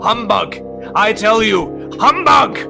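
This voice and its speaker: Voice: mid-range voice, expressive, takes it slowly, vocal fry, full character voice. An actor playing Ebenezer Scrooge, a miserly old man, frightened yet defiant, in a theatrical radio play style. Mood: scornful. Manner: exclamatory, theatrical, stammering in fright. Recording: music under the voice.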